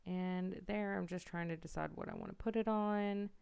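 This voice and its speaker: A woman's voice: mid-range voice, fairly even intonation, normal speed, vocal fry, darkish tone, clear, resonant tone. A young woman narrating her planner decorating in a casual, apologetic voiceover. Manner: apologetic, self-deprecating, chatty. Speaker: planner vlogger. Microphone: voiceover mic.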